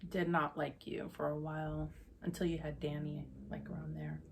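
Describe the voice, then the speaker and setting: A woman's voice: low-pitched, flat delivery, moderate pace, gravelly, background noise. A woman guest on a podcast, giving short blunt answers in casual chat.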